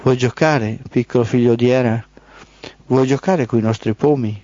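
A man voicing the Hesperid sisters, tall menacing nymphs, taunting in a quick manner. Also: mid-range voice, mellow, no echo, close to an everyday voice. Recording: dull, dry lo-fi.

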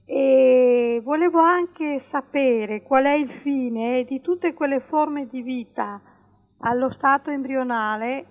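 A woman's voice: high-pitched, slow. A woman calling in over the phone to a radio show, asking her question hesitantly and searching for words. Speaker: radio caller. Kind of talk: call-in question. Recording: tinny phone line.

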